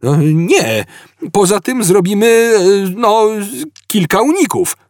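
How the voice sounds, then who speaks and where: Loud cocky space captain dude, as a guy reads him, pitched way up, jumpy. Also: big pitch swings, normal speed, slightly rough, no echo, clean studio sound. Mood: brash. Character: brash, excitable male spaceship captain.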